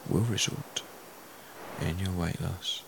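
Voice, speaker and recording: Very deep, creaky man guiding hypnosis. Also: slow, heavy background noise. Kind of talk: guided hypnosis relaxation.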